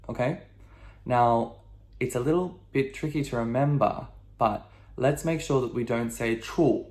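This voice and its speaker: A man's voice: mid-range voice, darkish tone. A man teaching a video language lesson, who repeats each word patiently and checks in with "okay?" after nearly every phrase.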